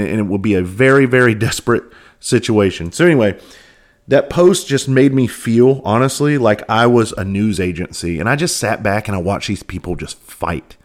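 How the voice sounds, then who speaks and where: A man with a fairly low voice delivers a casual, profane monologue as host of his own show. He speaks bluntly, like the former police officer he is, and piles up rhetorical questions, often repeating a word before a sentence gets going. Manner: repeats words when starting sentences.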